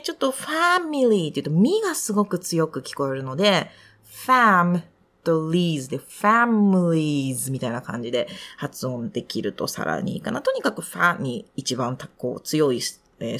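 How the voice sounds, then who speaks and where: Young adult woman, pronunciation tutor, polite and patient, very animated pitch, gravelly edge. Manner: polite, patient, explanatory, lively rises in pitch. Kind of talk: recorded feedback on a student's reading.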